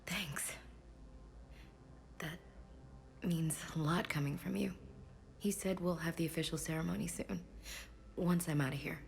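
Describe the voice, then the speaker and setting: An actress playing an earnest, proud and grieving female soldier in a video game, with a slightly gravelly voice. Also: low-pitched, steady tone, unhurried, pauses often, a little hiss or hum. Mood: subdued, sincere. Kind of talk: video game dialogue acting.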